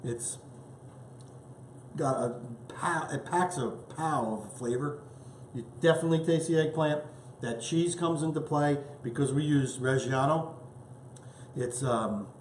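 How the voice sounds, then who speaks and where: Male cooking host, chatty and eager, average pitch, roomy kitchen sound. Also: slight background noise. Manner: enthusiastic, chatty, tasting food as he talks. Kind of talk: casual cooking show.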